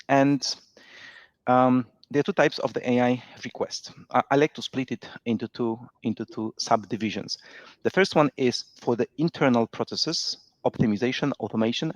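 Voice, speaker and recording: A man's voice: medium pitch, no room sound. A man speaking as a guest in a business webinar, explaining ideas while thinking aloud with restarts and fillers, heard over a video call. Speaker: webinar guest, tech company representative. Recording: dull lo-fi remote call audio.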